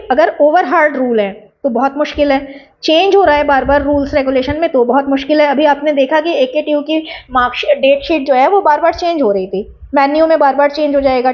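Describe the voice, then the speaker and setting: A woman's voice: high voice, a little fast, highs cut off. A woman from Bijnor, India, giving an exam-prep lecture, explaining terms and checking in with her students. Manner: explanatory, addresses students as beta, tag questions. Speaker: teacher. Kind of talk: exam-prep lecture in Hindi-English mix.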